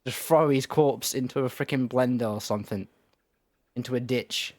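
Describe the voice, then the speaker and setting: A man's voice: mid-range voice, moderate pace, darkish tone, no echo. A man streaming a game who rambles casually with lots of swearing and restarts. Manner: rambling, profane, many restarts.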